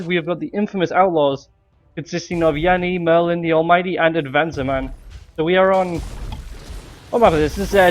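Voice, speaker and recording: Breathless young man shoutcasting a game. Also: on the high side. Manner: rambling with fillers and restarts. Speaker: shoutcaster and streamer. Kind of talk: live game commentary. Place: his room at home.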